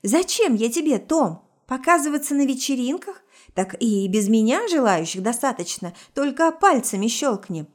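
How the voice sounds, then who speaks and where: A woman reading a story aloud, voicing a jealous, hysterical young woman whose voice is shrill and raised in accusation. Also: sing-song, moderate pace. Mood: accusing.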